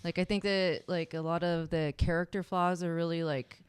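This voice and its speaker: A woman co-hosting a horror movie podcast, speaking in a thoughtful, measured way. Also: lowish voice, steady tone, clean tone, no room sound. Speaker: podcast co-host. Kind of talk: casual chat.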